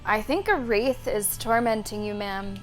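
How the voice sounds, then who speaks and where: A woman's voice: mid-range voice, a little slow. A woman game streamer giving casual live playthrough commentary and chatting with her viewers. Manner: chatty, thanks and addresses viewers. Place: voice over game audio. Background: faint game music.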